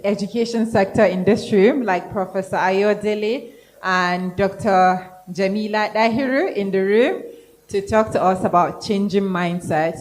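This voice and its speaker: A woman moderating a panel forum, brisk and directive as she passes the mic to guests. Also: mid-range voice, poor audio.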